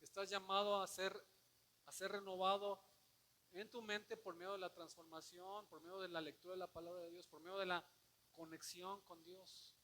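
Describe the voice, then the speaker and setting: A man preaching a sermon, asking the congregation rhetorical questions and swinging from quiet, low passages to loud declamation. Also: flat delivery, moderate pace. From Mexico. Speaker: pastor.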